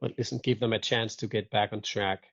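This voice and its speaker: A man's voice: lowish voice, steady tone, fairly quick, gravelly, dry recording. A man chatting casually as a guest on a video call, joking and laughing often with rambling asides. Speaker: guest watch collector. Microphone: video call mic. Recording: dull lo-fi call audio.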